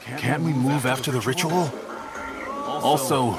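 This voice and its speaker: Guy acting worried humble village helper in a game, medium pitch, loud chatter behind. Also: unhurried, natural voice. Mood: worried, pleading. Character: anxious, deferential man serving a village leader.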